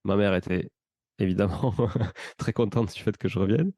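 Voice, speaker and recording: A man in his thirties with a Toulouse accent, telling his life story as a podcast guest in a relaxed, rambling way with many fillers. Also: lowish voice, moderate pace, dry recording, clean studio sound. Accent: Toulouse French. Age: 30s. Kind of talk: casual conversational storytelling.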